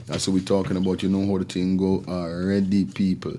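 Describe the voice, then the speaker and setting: A man with a Caribbean accent hosts a casual live stream, giving shout-outs in informal, slangy, repetitive patter. His voice is low and dark-toned, his delivery flat and a little fast, and there's slight hiss or hum.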